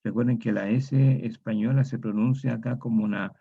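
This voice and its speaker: Latin American Spanish male lecturer, lowish gravelly voice, patient and methodical, dull lo-fi recording. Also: fairly even intonation. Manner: methodical, repeats example words slowly, asks "¿cierto?". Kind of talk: university lecture on historical grammar.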